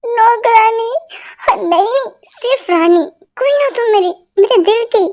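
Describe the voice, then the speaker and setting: A woman voicing a patient, teasing young husband in an amateur fan dub, speaking softly and coaxingly. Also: very high-pitched, normal speed. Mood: placating.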